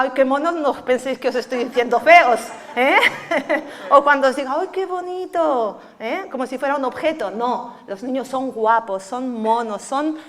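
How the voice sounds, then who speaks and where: A woman's voice: sits high, in a large hall. A middle-aged woman pastor giving a conversational sermon, often checking in with her listeners. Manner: conversational preaching with frequent tag questions. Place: church.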